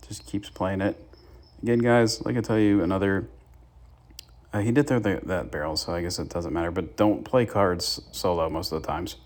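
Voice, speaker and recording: A man's voice: deep voice, fairly even intonation, normal speed. A young man giving casual gameplay commentary and tips to his viewers as the channel's host. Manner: chatty, gives tips to viewers. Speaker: gaming YouTuber.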